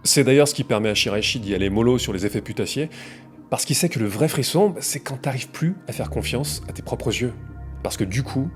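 A man's voice: mid-range voice, expressive, brisk, soft background music. A man hosting a video essay, narrating in a wry, conversational way with playful emphasis.

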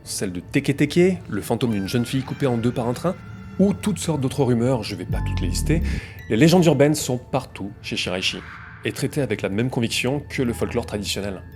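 A man's voice: medium pitch, expressive, fairly quick, gravelly, music in the background. Wry, conversational man narrating. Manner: wry, conversational, with playful emphasis. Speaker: video essay host. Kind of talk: casual video essay narration.

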